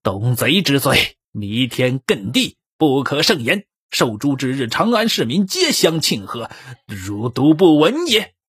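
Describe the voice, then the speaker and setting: A storyteller voicing a stern, defiant old court minister who speaks slowly and low. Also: male voice, sing-song, fairly bright tone, breathy edge, no room sound, studio quality, exaggerated voice. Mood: scornful. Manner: slow, low and grave delivery.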